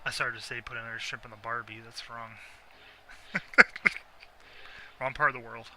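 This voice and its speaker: A man's voice: medium pitch, level tone, normal speed, heavy background noise. A man co-hosting a wrestling video game stream, joking around and swearing freely in casual commentary. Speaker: co-host and player.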